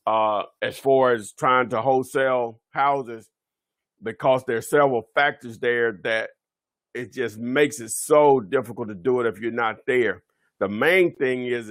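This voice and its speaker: A man's voice: medium pitch, a bit bright, dry recording. A man presenting a real estate webinar, talking off the cuff with many fillers and self-corrections. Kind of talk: unscripted instructional webinar talk.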